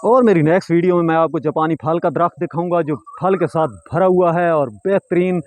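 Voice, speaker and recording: Dry, higher-pitched man explaining plant pruning. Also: a little mellow, no room sound, faint music behind. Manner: patient, explanatory, with frequent drawn-out "eh" fillers. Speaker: plant nursery vlogger. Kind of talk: instructional gardening demonstration. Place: plant nursery.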